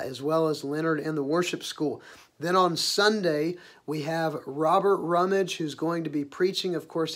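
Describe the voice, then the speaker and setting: Hoarse guy doing church announcements, kinda high voice, upbeat and chatty. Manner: upbeat, enthusiastic, with frequent "uh" fillers. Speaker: church leader announcing events. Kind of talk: casual spoken announcements.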